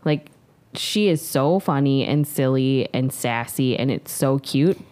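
A woman's voice: very deep voice, unhurried, a little mellow. A woman in her thirties, a co-host in casual chat, who acts out quotes in big voices. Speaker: podcast co-host.

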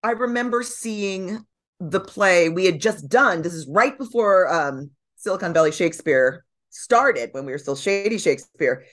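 A woman on a podcast as a guest and dramaturg, telling lively stories about stage and film. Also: on the low side, normal speed. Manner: animated storyteller, acts out quotes. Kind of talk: casual chat.

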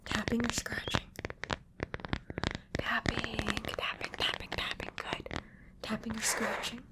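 A woman whispering a playful ASMR role-play, coaxing the listener with gentle repeated instructions. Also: on the high side, huge pitch swings, unhurried, vocal fry, poor audio. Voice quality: soft whisper. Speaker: ASMR creator.

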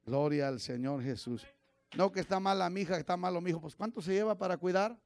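A man, preaching a sermon as pastor, swinging from shouted preaching to low confiding asides. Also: quick pace, no room sound.

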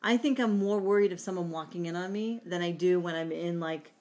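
A woman's voice: fairly low pitch, a little fast, a little mellow. A woman in casual group chat, talkative, laughing easily and trailing off mid-sentence.

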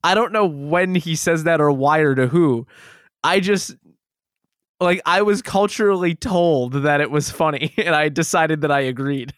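A man co-hosting a podcast, trading wry deadpan jokes in relaxed casual chat and chuckling along. His voice is a touch high for a man, recorded dry and close. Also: moderate pace, smooth, no echo. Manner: wry, joking deadpan, laughs at own jokes. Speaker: podcast co-host.

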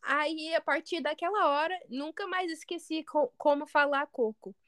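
Co-host: American-accented woman, hesitant, restarts often, high pitch. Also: moderate pace, a bit bright. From United States. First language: English. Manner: hesitant, searching for words, many restarts. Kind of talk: casual podcast chat.

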